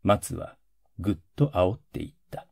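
A man, a voice actor, reading a period story in a calm, measured narration. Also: low-pitched, gravelly, no echo, clean studio sound.

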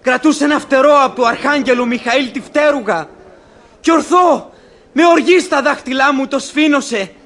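An actor playing a wrathful old abbot who proclaims God's curse in a declamatory classic radio drama. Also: male voice, very high-pitched, a bit bright. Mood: thundering. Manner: thundering, declamatory. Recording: old archival radio recording.

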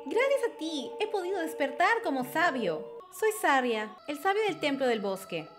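A woman voicing a gentle young girl who is a forest sage, reading her lines softly and sincerely over game music. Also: high-pitched, sing-song, normal speed. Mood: tender.

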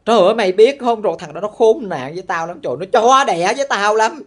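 A woman voicing a heartbroken young woman friend who complains loudly and melodramatically. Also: mid-range voice, lively intonation, fast talker, close to an everyday voice. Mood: ranting. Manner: wailing, loud complaining.

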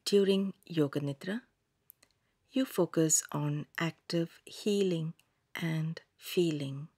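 A yoga nidra guide narrates a scripted relaxation in a fairly low, soft voice full of breath, with a breathy edge. She speaks very slowly and calmly, giving gentle instructions separated by long pauses, in clean studio sound with no room echo.

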